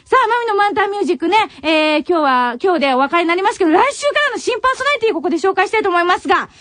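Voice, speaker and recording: Teary, high-voiced Nagoya radio host. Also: female voice, expressive, racing, a bit bright, no room sound. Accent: Nagoya dialect. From Tokai region of Japan. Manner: emotional farewell, voice choking with tears between laughs. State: voice worn from crying. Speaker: late-night radio host. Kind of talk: radio talk, reading listener letters. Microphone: studio radio mic. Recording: muffled old cassette tape dub.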